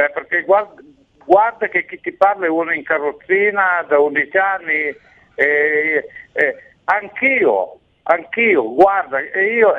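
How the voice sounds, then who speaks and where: A man calls in to a radio show, agitated, rambling and insistent, his voice riding fairly high with a lively, swinging pitch. He comes through a thin, tinny phone line. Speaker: radio caller.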